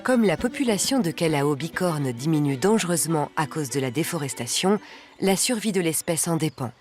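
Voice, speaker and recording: A documentary narrator with a medium-pitched voice delivers scripted nature narration. The delivery is measured and articulate, with music playing underneath. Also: lively intonation.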